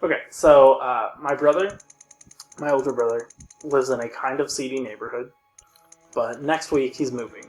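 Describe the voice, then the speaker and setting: A man's voice: mid-range voice, moderate pace, soft background music. A man co-hosting a let's play, chatting casually and explaining the rules of the run.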